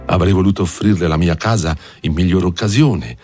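A man's voice: deep voice, fairly quick, a little mellow, faint music behind. A man voicing a grave, powerful nobleman speaking with formal courtesy. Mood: courteous.

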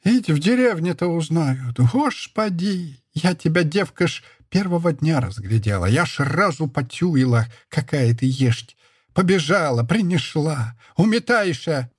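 A man's voice: on the high side, very animated, measured pace, breathy edge, no room sound, studio quality, pitched above the performer's own voice, exaggerated voice. A man voicing an old peasant woman, a furious mother-in-law who speaks with a lisp and rustic dialect. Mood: scornful. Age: older. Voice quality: lisping, village dialect speech.

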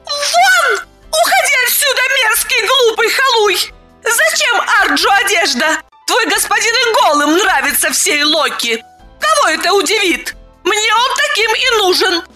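A woman reading an audiobook voices an excitable, haughty young woman who squeals, scolds and shouts. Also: very high-pitched, measured pace, faint music behind, pitched above the performer's own voice, full character voice. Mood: indignant.

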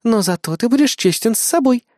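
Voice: mid-range voice, lively intonation, a little fast, darkish tone, dry recording, voice pushed up, natural voice. A reader voicing Eris, a blunt, sarcastic female assistant who scolds and mocks in a raised voice in a dry-sounding storybook reading. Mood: exasperated. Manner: scolding, mocking.

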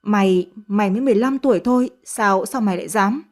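A woman's voice: mid-range voice, fast talker, lightly acted. A woman playing an exasperated old matriarch. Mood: scolding. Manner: scolding, exasperated. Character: scolding older mother of the house.

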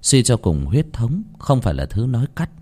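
A man narrating a ghost story in an expressive, dramatic way. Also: medium pitch, normal speed.

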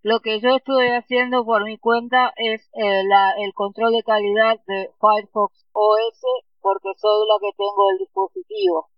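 Brief: woman on a glitchy low-quality call stream, lively pitch, husky, distant and muffled. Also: normal speed, hardly any pauses, dry recording. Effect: choppy, robotic low-quality call stream. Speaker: volunteer quality-control coordinator. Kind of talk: online team meeting.

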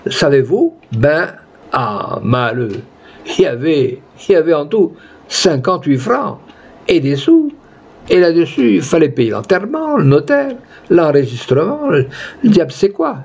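A man's voice: mid-range voice, wildly swooping pitch, slow pace, creaky, a little mellow, husky, dull audio, heavily acted. A man voicing a greedy, hot-tempered old peasant who talks in rustic country speech and sputters out exclamations. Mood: outraged.

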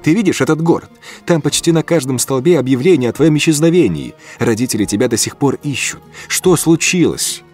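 A man's voice: fairly low pitch, expressive, moderate pace, faint music behind, lightly acted. A man voicing a blunt, weary woman who questions a ghost, in an audiobook reading. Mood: pressing. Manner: insistent, pushy questioning.

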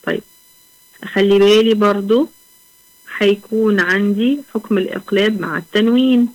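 Young egyptian woman, recitation teacher, patient, slow drawn-out example words, middle pitch. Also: steady tone, poor audio. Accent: Egyptian Arabic. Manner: patient, asks questions then answers them, drawls example words slowly. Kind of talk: online tajweed lesson.

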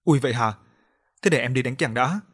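A man's voice: medium pitch, fairly quick, slightly rough, natural voice. A man voicing a timid young village crier who asks startled questions and defers to the elders. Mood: alarmed.

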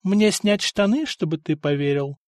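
A male audiobook narrator voicing a calm, earnest young Slavic man searching for his lost brother. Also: sits high, normal speed, no echo, clean studio sound, voice pushed up, natural voice.

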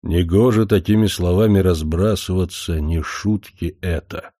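A man doing a gruff old village grandfather. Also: medium pitch, expressive, a little slow, warm tone, dry recording, studio quality. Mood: grumbling. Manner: grumbling, gruff folksy speech.

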